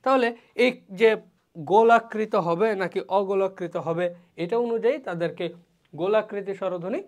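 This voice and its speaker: A teacher giving an online class lecture, explaining step by step and asking and answering their own questions, sounding out vowels slowly as examples. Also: medium pitch.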